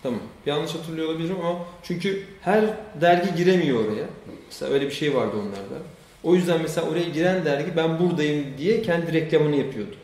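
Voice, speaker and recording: A man co-hosting a casual tech news chat, quick and chatty with hesitant fillers. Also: a little high, lively intonation, darkish tone. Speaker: co-host. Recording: very echoey room, faint ambience.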